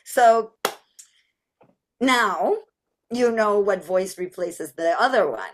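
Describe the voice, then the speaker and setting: A woman giving a playful motivational talk as a mindset coach, laughing often and slipping into childlike voices. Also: medium pitch.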